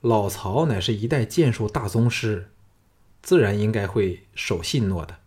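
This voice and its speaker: Man voicing a relaxed, wry swordsman hero. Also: fairly low pitch, unhurried, husky.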